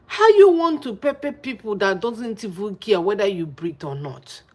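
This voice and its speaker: A woman's voice: mid-range voice, expressive, moderate pace, dark tone. A woman with a blocked nose, chatting to camera as a vlogger and repeating her points for emphasis. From Nigeria. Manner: emphatic, repeats phrases for effect. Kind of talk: casual chat to camera.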